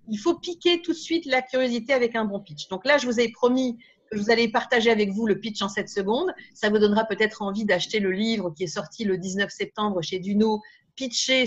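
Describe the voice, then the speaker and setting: A woman speaker trainer giving a live workshop talk, lively and chatty, with many tag words and asides to the room. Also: medium pitch, normal speed. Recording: dull, lo-fi live recording.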